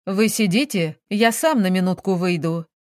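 A woman reads a flustered middle-aged businessman who blusters and whines when cornered. The delivery is slow and deliberate. The sound is dry and close, with no room around it. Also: medium pitch, dry recording, lightly acted. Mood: sullen. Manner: agitated, blustering, whining.

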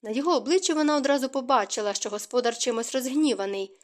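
A woman narrating an audiobook in an expressive reading style. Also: sits high, quick pace. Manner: expressive reading, voices characters' lines.

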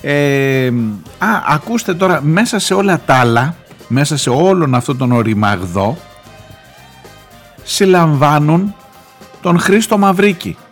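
A man's voice: fairly high pitch, expressive, pauses often, faint music behind. A man hosting a radio show, telling a news story in a chatty, joking way. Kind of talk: casual current-affairs commentary.

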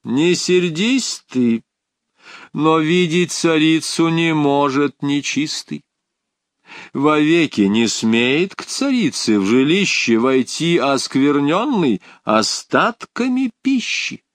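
Courteous king read by a male narrator, slow and stately, dry sound. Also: fairly high pitch, very animated, no room sound, voice pushed up. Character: mild, deferential king.

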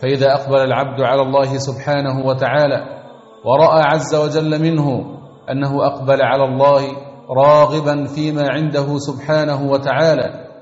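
A male preacher exhorts his listeners in an earnest, rhythmic sermon, with his phrases often repeated in sequence. His voice sits at a middle pitch. The sound is muffled and carries a long, roomy reverb, with faint music underneath. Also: level tone, fairly quick.

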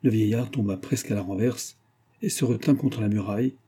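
A man narrating a classic tale as an audiobook, in a measured storytelling manner. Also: lowish voice, warm tone, husky. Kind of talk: scripted literary narration.

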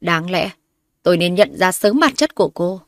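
A woman narrator voicing an angry, domineering young husband who shouts threats. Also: on the low side, expressive, moderate pace, no room sound.

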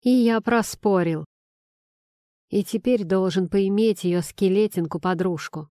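A woman voicing a drunk, insolent young man who mocks his former friend, in a slow, sneering tone. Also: medium pitch, mellow, dry recording, studio quality, natural voice. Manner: sneering, mocking.

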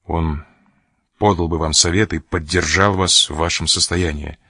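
A man voicing a proud, wounded male buccaneer who speaks with stern, measured reproach in an audiobook. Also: low voice, fairly even intonation, bright, forceful tone, no room sound, clean studio sound, exaggerated voice. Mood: restrained.

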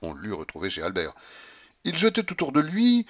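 A man narrates a classic novel with theatrical, emphatic phrasing and a lively, swinging pitch around a mid-range voice. The recording has a dull, lo-fi sound. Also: moderate pace. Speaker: audiobook reader. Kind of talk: expressive literary narration.

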